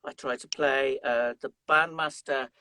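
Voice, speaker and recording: Bright and forceful, his medium-pitched voice keeps a fairly even intonation at a measured pace. The speaker, a trumpet player in his fifties from the English Midlands, chats as an interview guest, telling stories peppered with fillers and restarts.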